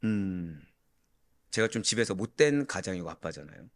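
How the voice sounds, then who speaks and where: Animated Korean pastor preaching. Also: male voice, moderate pace, creaky. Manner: asks the congregation questions and answers them himself; swings between loud preaching and quiet, low asides. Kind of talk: sermon.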